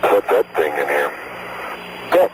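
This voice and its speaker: A man's voice: a bass voice, very animated, slow pace, background noise. A man talking as an astronaut over an archival radio link, chatting casually with a crewmate as he works. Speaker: astronaut on a moonwalk. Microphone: headset in spacesuit.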